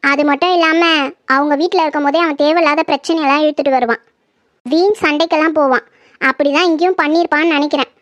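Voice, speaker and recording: A woman voicing a young daughter-in-law who patiently calms her grieving elders in a dramatized horror story. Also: sits high, fast, dry recording, close to an everyday voice. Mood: soothing. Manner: soothing, reassuring.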